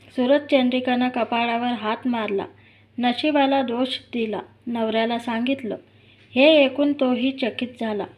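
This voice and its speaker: A woman narrating a devotional folk tale in a steady, recited storytelling manner. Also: on the high side, low-quality recording.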